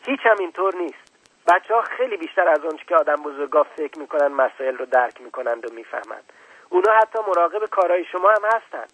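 The little prince, a man voicing a high, indignant boy. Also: vocal fry, breathy edge, no room sound, narrow, tinny audio. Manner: pleading, rising to angry outbursts.

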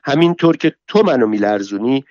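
A foul-mouthed, quarrelsome middle-aged woman, put on by a male reader, scolding and hurling insults in a loud, fierce voice. The recording is dull and lo-fi, in a dry room with no echo. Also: mid-range voice, expressive, natural voice. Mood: indignant. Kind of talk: dramatic story reading.

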